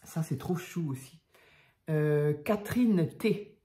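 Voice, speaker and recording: An older woman casually showing craft tags to her viewers, talking softly and chattily with many hesitations. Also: sits low, expressive, takes it slowly. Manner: chatty, soft-spoken, hesitant with fillers. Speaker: craft channel host.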